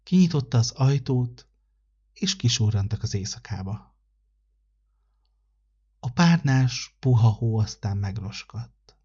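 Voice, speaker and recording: Husky man reading a children's story. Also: medium pitch, highs cut off. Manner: calm, measured narration. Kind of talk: read-aloud children's story.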